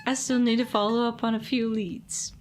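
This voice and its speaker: A sleepy, cheerful young reporter, voiced by a woman with a fairly high voice. She speaks in a relaxed, easygoing way. Faint hiss sits behind her. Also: moderate pace, close to an everyday voice.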